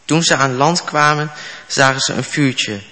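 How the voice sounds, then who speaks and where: A man reading a Bible passage aloud in a measured, plain way, with a few slips. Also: medium pitch, fairly even intonation, bright, forceful tone. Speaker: scripture reader. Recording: long hall reverb.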